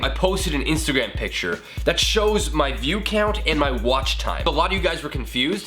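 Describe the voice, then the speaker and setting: A man's voice: fairly high pitch, fairly bright tone. A hungover man hosting a casual comedic vlog, talking to camera in a goofy, jokey way with casual swearing. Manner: jokey, goofy, breaks into giggles and exclamations. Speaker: video creator and host.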